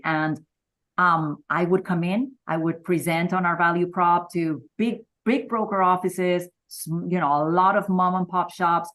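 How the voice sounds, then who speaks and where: Deep-voiced middle-aged woman, candid, animated, telling her career story. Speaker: guest. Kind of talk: personal storytelling in an interview.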